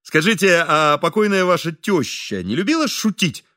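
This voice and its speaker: A man's voice: a little high, very animated, normal speed, sharp tone, dry recording, studio quality. A man voicing a stern, confident swindler who talks in a curt, commanding way, in an audiobook reading. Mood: dry.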